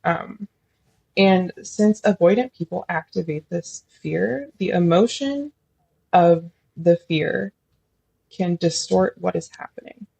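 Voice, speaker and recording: A woman's voice: on the low side, lively intonation, slow pace, gravelly, dark tone, slightly rough, no room sound. A woman social worker as a podcast guest, talking thoughtfully and at length with many fillers. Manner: admits feeling nervous while explaining. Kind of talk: casual podcast interview.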